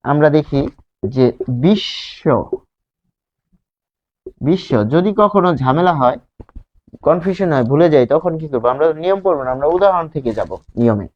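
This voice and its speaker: A man teaching a grammar lesson with a fairly high voice, working through each point slowly and repeating key words. He keeps asking questions and answering them himself. The recording sounds a little dull and lo-fi. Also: expressive, darkish tone. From Bangladesh.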